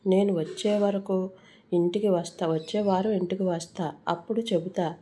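A woman's voice: medium pitch, steady tone, normal speed, mellow, natural voice. A woman voicing a grave young husband in a spoken story, giving firm orders. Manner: grave, commanding.

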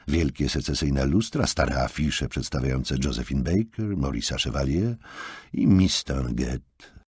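A man narrating an audiobook in an expressive, animated reading style. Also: extremely low pitch, breathy edge, no echo, studio quality.

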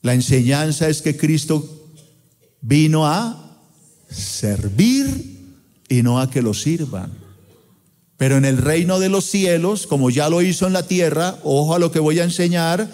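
A middle-aged man from Colombia with a Colombian accent, preaching a sermon as pastor with impassioned delivery and sweeping swings in pitch. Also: animated, a little slow, pauses often, a little mellow. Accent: Colombian Spanish. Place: large church auditorium. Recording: long hall reverb in church auditorium.

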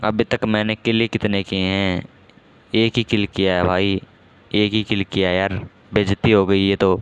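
A man hosting a gaming channel, giving casual commentary on a match with excitable, self-mocking banter and lots of repeated exclamations. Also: fairly low pitch, normal speed, a little hiss or hum. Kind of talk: casual live game commentary.

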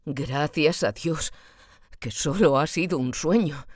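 A woman reads a tormented young man in an audiobook. He mutters in anguish, his voice dropping low and almost to a whisper. The sound is dry and close, with no room around it. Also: slow pace, no room sound. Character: tormented feverish young male student. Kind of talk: audiobook character voice.

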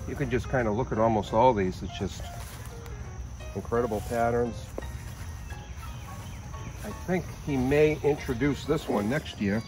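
A middle-aged man with a Massachusetts accent and a mid-range voice chats about flowers in a sunny garden during a casual interview. The garden visitor is enthusiastic and easygoing and chuckles often, though the audio is poor.

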